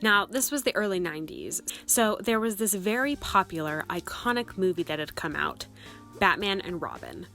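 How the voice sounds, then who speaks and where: A woman in her thirties telling spooky personal stories as a casual vlogger, with animated emphasis and dramatic pauses. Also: on the low side, creaky, faint music behind. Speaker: storytelling vlogger.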